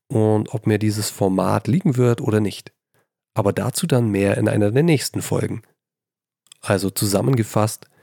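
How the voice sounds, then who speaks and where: Slightly hoarse with a cold, a podcast host talks casually and self-deprecatingly about writing on his solo show, holding a handheld mic in the small bedroom he grew up in at his mother's house. His fairly low voice is a little mellow, and the recording is clean with no echo.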